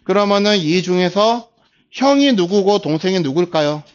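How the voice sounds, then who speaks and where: A man in his forties teaching a class, patiently explaining step by step and starting phrases with a drawn-out filler. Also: sits high. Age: 40s. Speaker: instructor. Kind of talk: classroom lecture. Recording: dull lo-fi lecture recording.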